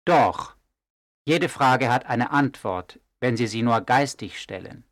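A man playing a calm, wise scholar. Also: mid-range voice, no echo, studio quality, natural voice. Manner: calm, measured, gently ironic. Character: calm wise male archivist, mild and teasing. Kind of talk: audio drama acting.

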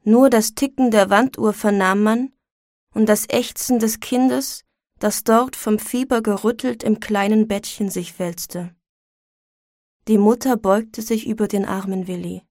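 Slow, measured woman narrator. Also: mid-range voice, fairly even intonation, a little mellow, no room sound, clean studio sound. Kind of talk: audiobook reading of a classic story.

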